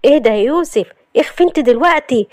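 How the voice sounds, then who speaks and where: A nervous male friend with an Egyptian accent, voiced by a woman storyteller, pleading and placating in a story reading. The voice is fairly high and the recording dry and close. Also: lively intonation, quick pace, a little mellow, no room sound. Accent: Egyptian Arabic. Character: anxious male friend and business partner.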